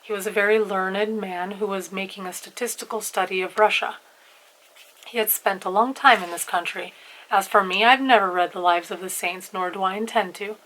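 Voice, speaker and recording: A woman reading as a scornful educated gentleman. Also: mid-range voice, steady tone, normal speed, close to an everyday voice, rough recording. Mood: dismissive. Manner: haughty, dismissive.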